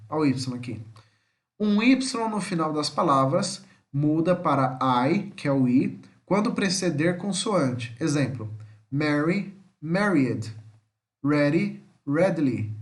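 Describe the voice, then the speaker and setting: A man gives a recorded homeschool lesson on English spelling. His voice sits a little high for a man. He drills English words slowly, one after another, and checks in with a quick "tá?" after almost every phrase. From Brazil. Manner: tags nearly every phrase with a questioning "tá?". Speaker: English teacher.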